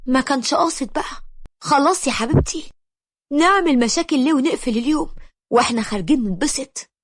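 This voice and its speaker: A woman voicing a calm young husband who avoids conflict, with an Egyptian accent. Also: high-pitched, quick pace, no room sound, studio quality. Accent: Egyptian Arabic. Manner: calm, placating.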